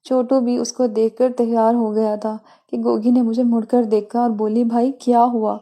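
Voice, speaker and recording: Mellow-voiced woman narrating a story. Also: a little high, little pitch movement. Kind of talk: scripted first-person story narration.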